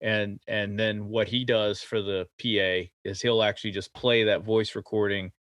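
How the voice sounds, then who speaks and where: An American man co-hosting an aviation podcast, earnest and animated, laughing often. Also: on the low side, moderate pace, dry recording. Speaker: podcast co-host and airline crew member. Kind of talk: casual podcast chat.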